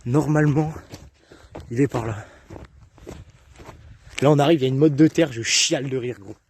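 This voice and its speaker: A young man, a hunter filming his outing, talking in a slangy, excitable, chatty way while out in open fields. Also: mid-range voice, moderate pace, vocal fry. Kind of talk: casual outdoor vlog commentary. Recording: loud outdoor noise on a camera mic.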